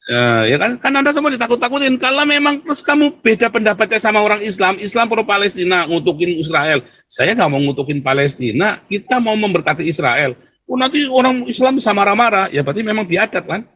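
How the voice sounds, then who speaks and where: A man's voice: high voice, a little fast. A man delivering a heated monologue to his listeners, ranting, often calling them brothers and acting out the voices he quotes. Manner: ranting, keeps addressing listeners as "saudara"; acts out quoted voices in lively bursts. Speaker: commentator. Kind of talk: heated monologue to an online audience.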